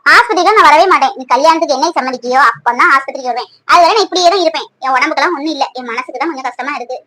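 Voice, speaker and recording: A woman's voice: high-pitched, rapid-fire, pushed and bright. A woman voicing a worried middle-aged village mother who keeps nagging her son to marry, in a cartoon. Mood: stubborn. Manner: pleading, emotional, nagging. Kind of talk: cartoon voice acting.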